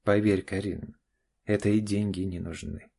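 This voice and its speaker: A man's voice: low voice, fairly even intonation, normal speed, vocal fry, mellow, breathy edge, full character voice. A man voicing a firm, self-assured middle-aged father in an audiobook, speaking curtly and clipped. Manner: curt and clipped. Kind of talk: audiobook character voice.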